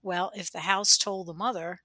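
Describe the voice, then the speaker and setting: A woman's voice: fairly low pitch, steady tone, normal speed, pushed and bright, no echo. A woman co-hosting a casual talk, curious and conversational, raising questions. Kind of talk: casual discussion.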